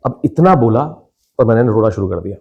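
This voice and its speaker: A man's voice: lowish voice, a little fast, vocal fry, lo-fi sound. Indian man telling his story. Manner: lively storyteller who acts out family members' voices. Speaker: podcast guest, actor. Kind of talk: casual storytelling in a podcast interview.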